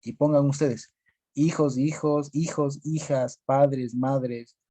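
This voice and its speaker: Dark-voiced man leading Bible study. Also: mid-range voice, fairly even intonation, no echo. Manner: halting, many fillers, searching for words.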